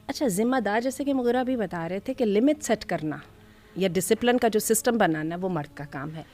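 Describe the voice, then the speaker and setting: A woman in a panel discussion giving measured advice and quoting scripture. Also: mid-range voice, lively intonation, a little mellow. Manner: measured, quotes scripture while advising. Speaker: panel guest.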